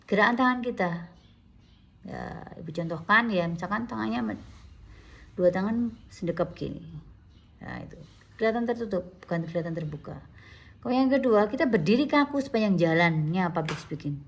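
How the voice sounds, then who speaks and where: A middle-aged woman giving a recorded university lecture, listing her points in order and often correcting herself mid-word. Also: fairly low pitch. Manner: lists points in order with frequent self-corrections.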